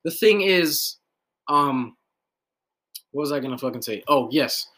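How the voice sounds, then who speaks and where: A man's voice: a little high, expressive, unhurried, sharp tone. A young man co-hosting a casual livestream chat, blunt and profane, often stumbling and repeating words.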